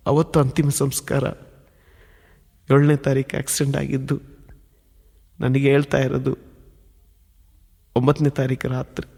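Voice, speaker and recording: A man's voice: medium pitch, monotone, a little slow, vocal fry, pauses often, darkish tone, slightly rough. A man preaching, telling his personal testimony in an earnest, emotionally building storytelling manner. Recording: long hall reverb.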